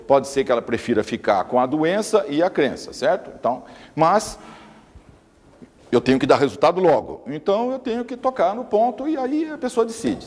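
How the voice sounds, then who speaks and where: Male lecturer, lively pitch, insistent and repetitive delivery, reverberant hall. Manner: emphatic, repeats words for stress.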